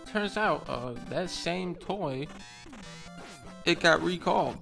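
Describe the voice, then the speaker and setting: A man's voice: on the high side, expressive, slow, vocal fry, fairly bright tone, faint music behind. A man doing let's play commentary, rambling through absurd improvised stories and swearing casually. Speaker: gaming commentator.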